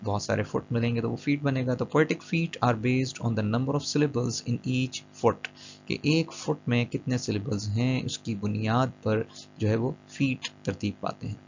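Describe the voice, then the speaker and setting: Gravelly-voiced man teaching poetry terms. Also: mid-range voice, unhurried. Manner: patient, repeats and checks understanding; mixes English terms into Urdu-flavoured Hindi. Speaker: English teacher. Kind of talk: explaining a lesson over slides. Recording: dull lo-fi voice-over with soft music.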